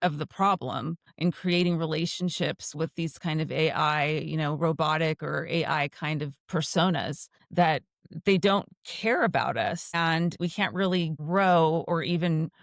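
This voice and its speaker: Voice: medium pitch, a little slow, creaky, no echo, clean studio sound. A podcast co-host asking earnest questions in a casual conversation and humming agreement often. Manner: earnest, frequent affirming hums.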